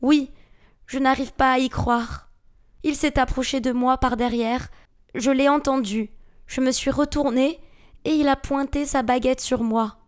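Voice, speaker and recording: A woman's voice: sits high, steady tone, unhurried, pitched above the performer's own voice. A woman voicing a frightened, out-of-breath teenage boy wizard in an audiobook, speaking in a raised, urgent voice. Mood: breathless. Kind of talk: audiobook character voice.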